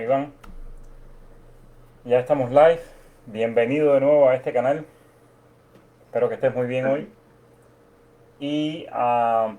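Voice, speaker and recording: A man from Cuba, host of his own channel, being interviewed and telling his story in an unhurried, reflective way. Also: medium pitch, phone-quality sound. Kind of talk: casual conversation.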